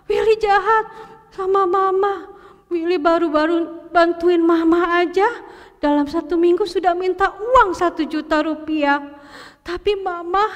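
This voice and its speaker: A woman voicing a tearful, remorseful young boy who pleads in a high voice. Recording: long hall reverb.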